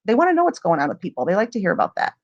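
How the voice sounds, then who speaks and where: A woman hosts a casual live Q&A in a chatty, rambling way, laughing often between thoughts. Her pitch sits in a middle range. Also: huge pitch swings, racing, highs cut off. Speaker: livestream host. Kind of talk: casual livestream Q&A.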